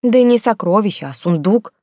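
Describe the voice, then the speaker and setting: A woman voicing a plump, rosy gossiping laundress who scolds loudly and frets. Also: mid-range voice, lively intonation, normal speed, dry recording, clean studio sound, pitched above the performer's own voice, lightly acted. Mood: agitated scolding. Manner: loud, scolding, agitated.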